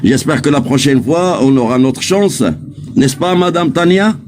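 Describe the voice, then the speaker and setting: A man's voice: on the high side, moderate pace, darkish tone, a little hiss or hum. A man from Morocco calling into a live stream panel, pressing his point insistently. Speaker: panel caller. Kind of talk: casual live-stream complaint.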